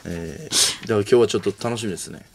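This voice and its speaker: A man with a Kansai accent co-hosting late-night comedy radio, firing quick deadpan retorts into a studio microphone. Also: fairly low pitch, slight background noise.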